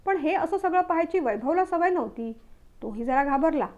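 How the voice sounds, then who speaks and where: A woman's voice: very high voice, lively intonation, moderate pace, a little mellow, dull audio. A woman narrating a family story, reading it aloud steadily and expressively.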